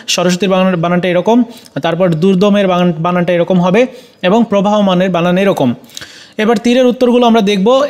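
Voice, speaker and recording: A man with a Bangladeshi Bengali accent and a fairly high voice explains exam answers to students. He speaks to them directly as a teacher, pausing often on "ah" and correcting himself as he goes. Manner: addresses students directly, frequent "ah" fillers and self-corrections. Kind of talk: exam solution walkthrough.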